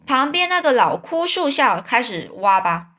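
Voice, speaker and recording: A woman's voice: high voice, sing-song, unhurried, fairly bright tone, heavily acted. Woman voicing Tom, an eager boastful boy.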